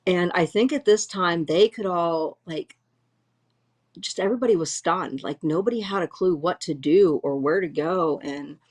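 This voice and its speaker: A middle-aged woman at home giving an emotional first-hand eyewitness account, halting and restarting as she speaks. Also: low voice. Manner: halting, restarts often, voice full of distress. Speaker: eyewitness interviewee. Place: at home, dog nearby.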